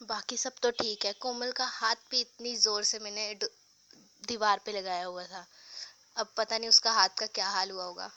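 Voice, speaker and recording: A woman's voice: medium pitch, steady tone, normal speed, bright, forceful tone, no room sound. A young woman casually telling a love story, voicing every character in her own voice, with frequent restarts. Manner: narrates and voices all characters in the same voice, with restarts.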